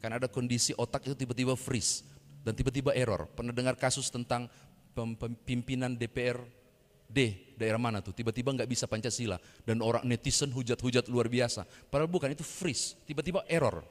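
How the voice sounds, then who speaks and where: A man's voice: mid-range voice, fairly quick. Humorous male pastor preaching. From Indonesia. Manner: humorous storytelling, lively and animated. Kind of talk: sermon. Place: church sanctuary. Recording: echoey church hall.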